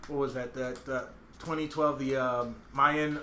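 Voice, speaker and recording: A male podcast host with a bright, forceful voice, chatting loosely and enthusiastically. He tells stories with lots of emphatic repetition. The recording is echoey, like a bare room. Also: mid-range voice, unhurried, slight background noise. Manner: animated storyteller, hypes and repeats phrases. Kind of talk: casual chat.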